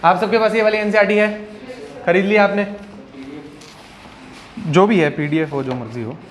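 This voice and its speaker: A man's voice: high voice, normal speed, a little hiss or hum. A male teacher giving a classroom lecture in a conversational way, often checking in with his students.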